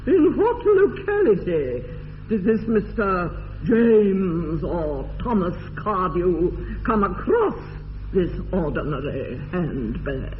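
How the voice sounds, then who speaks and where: An actress playing an imperious older English aristocrat in a radio comedy, with an upper-class English accent and pompous, deliberate enunciation. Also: female voice, fairly low pitch, big pitch swings. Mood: scandalised. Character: haughty, domineering older aristocratic English lady. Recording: dull lo-fi radio recording, faint noise.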